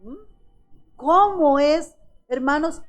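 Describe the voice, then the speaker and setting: A woman with a high voice preaches a sermon, calling her listeners brothers and asking them one rhetorical question after another. She slows down to stress key phrases. Quiet music plays underneath. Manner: addresses the congregation as brothers with frequent rhetorical questions. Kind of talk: church sermon.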